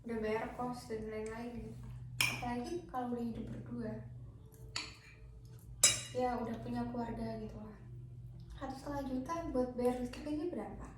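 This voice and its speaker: A woman's voice: on the high side, steady tone, moderate pace, long pauses. A woman from Indonesia chatting casually over a meal as the host of a vlog. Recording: very echoey room, distant mic, clear noise.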